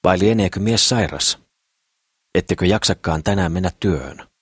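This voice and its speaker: A man's voice: low-pitched, slightly rough, dry recording, clean studio sound. A man voicing a suspicious, pious old woman who scolds and disapproves. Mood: grumbling.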